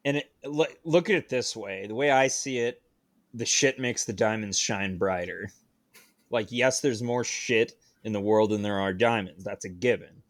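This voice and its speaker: A man's voice: lowish voice, moderate pace. A man co-hosting a podcast, chatting casually in a wry, rambling way. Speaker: podcast co-host. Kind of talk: casual banter.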